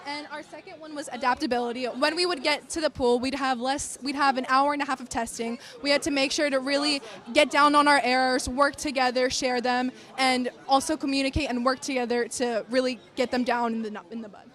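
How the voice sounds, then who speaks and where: A young woman with a high voice presents her team's key lessons in an earnest way. She lists her points one by one and sometimes restarts a phrase. A faint murmur of an audience sits behind her. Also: fairly even intonation, fairly quick, a bit bright, a faint crowd. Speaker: student presenter. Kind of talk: team presentation.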